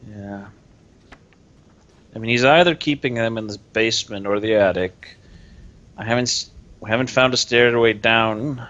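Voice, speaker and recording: A man's voice: fairly low pitch, moderate pace, pauses often, a bit bright. A man playing a tabletop game, chatting casually and narrating what his character does. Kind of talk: casual role-play chat. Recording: dull, lo-fi sound.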